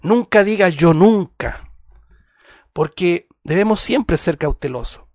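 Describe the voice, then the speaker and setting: A man preaching a sermon, reading scripture aloud and calling his listeners brothers, earnest, rising loud for emphasis and dropping quiet for asides. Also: sits high, expressive, takes it slowly, no echo, clean studio sound.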